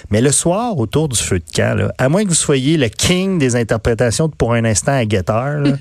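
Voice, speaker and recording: A man's voice: medium pitch, big pitch swings, fairly quick, vocal fry, darkish tone, no room sound. A man, a radio columnist chatting enthusiastically in a studio on a studio microphone. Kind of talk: radio chat.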